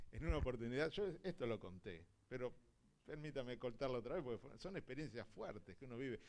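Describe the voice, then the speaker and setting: A man from Argentina with an Argentine accent preaching a sermon, telling stories and acting out dialogue, swinging from hushed to loud. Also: medium pitch, a little hiss or hum. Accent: Argentine Spanish. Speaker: visiting apostle preaching.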